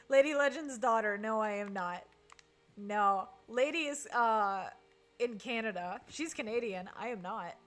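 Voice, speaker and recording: A woman's voice: a little high, animated, measured pace, fairly bright tone. A woman chatting casually on a live stream while playing, reading and answering chat and groaning at misses. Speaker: game streamer.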